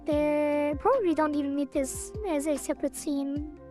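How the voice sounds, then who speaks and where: A woman's voice: high voice, little pitch movement, moderate pace, warm tone, soft background music. A woman streaming her game development, thinking aloud in half-sentences as she works. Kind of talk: casual livestream while coding.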